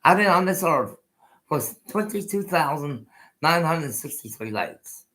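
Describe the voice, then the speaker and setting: A man in his sixties from Colorado hosts his own live stream, rambling loosely in casual chat, repeating himself and restarting often. He has no teeth, which can make his speech unclear. His fairly high voice is bright with a forward edge, very animated yet unhurried.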